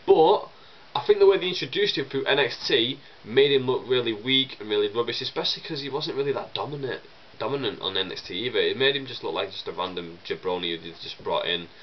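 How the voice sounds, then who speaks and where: A young man answers his vlog viewers in an animated, mid-range voice at a quick pace with few pauses. A chesty cold has him coughing and sniffling, and he rambles chattily with many fillers and restarts. The audio has the highs cut off and slight background noise.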